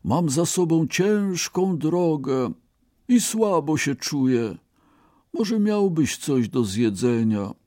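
A frail old beggar pleads for food in a weak, quavering voice that climbs high and thin. A man voices him in a storybook reading. He drags out each word slowly, and the sound is close and dry. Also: very animated, a little mellow, no echo. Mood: pitiful. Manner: slow, pleading, plaintive. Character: frail old male beggar, a disguised god.

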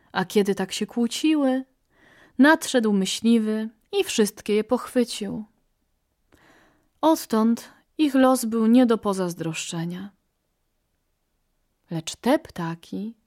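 A woman narrating a fable in a gentle, measured storybook style. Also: medium pitch.

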